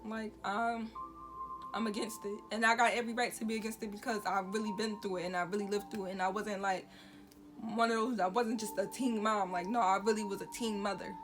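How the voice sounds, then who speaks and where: A woman's voice: mid-range voice, fairly even intonation, a little fast. A woman, talking frankly to camera with lots of "you know, like". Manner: casual, frank, many fillers like "you know, like". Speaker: vlogger. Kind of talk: candid talk to camera. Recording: music playing under the voice.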